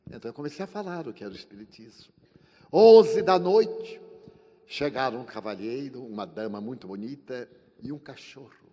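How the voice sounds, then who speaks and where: An older man from Brazil giving a spiritist lecture, telling a personal story and acting out the dialogue with sweeping changes in pitch and loudness. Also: lively intonation, fast, dull audio. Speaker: spiritist speaker. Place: lecture hall at a congress. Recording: long hall reverb from a live congress.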